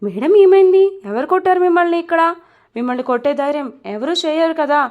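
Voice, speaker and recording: A protective young woman who fusses over her boss and flares up against whoever hurt her, voiced by a woman narrator. The voice is high and eager. It suits a spoken romance storybook. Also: brisk, phone-quality sound, close to an everyday voice. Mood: indignant. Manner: protective, indignant. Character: loyal, fiery young female assistant.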